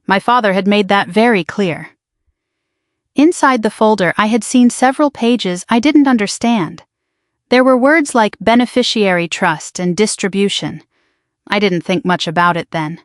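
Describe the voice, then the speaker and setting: A woman reading a dramatic first-person story in an even, measured way. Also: medium pitch, no room sound, clean studio sound. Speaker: narrator.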